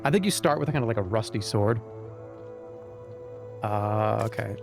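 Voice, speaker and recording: A man's voice: on the low side, moderate pace, vocal fry. A man giving casual gameplay commentary as a streamer. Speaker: game streamer. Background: game music.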